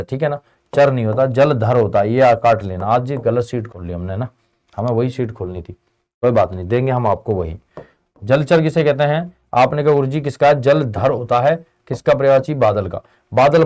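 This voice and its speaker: A mid-range, darkish male voice belongs to a teacher holding an online exam-prep session on an Indian tutoring channel. His drilling is relaxed call-and-response: he asks, then answers his own questions, referring to students as bhai and beta.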